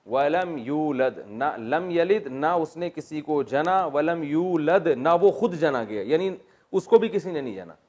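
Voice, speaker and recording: A man's voice: fairly high pitch, expressive, darkish tone. A man with a Pakistani Urdu accent, a religious teacher giving a classroom lesson on Quran grammar, explaining step by step, quizzing his students and telling jokes.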